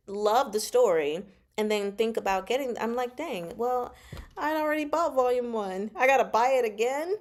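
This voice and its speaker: Hosting a casual book discussion stream, a woman thinks aloud and answers viewers in a rambling, playful manner. Her voice sits in the mid-range and has a slightly mellow quality.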